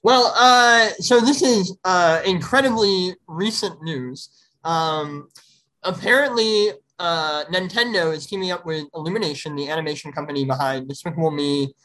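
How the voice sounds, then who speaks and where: A man's voice: on the high side, normal speed, a bit bright, low-quality recording. A young man hosting a casual podcast, upbeat and chatty with lots of fillers and laughter. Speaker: podcast host.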